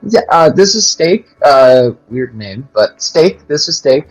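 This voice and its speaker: A man's voice: on the high side, sing-song, measured pace, faint music behind, low-quality recording. A man playing a tabletop game, improvising in character with hesitant, repetitive complaints. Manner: hesitant, complaining, repeats himself. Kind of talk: improvised role-play chat.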